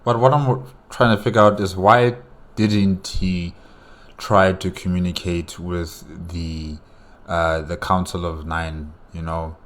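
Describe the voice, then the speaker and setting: Very deep-voiced, casual male commentator. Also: steady tone, fairly bright tone. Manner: halting, repetitive, emphatic. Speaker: reaction video host.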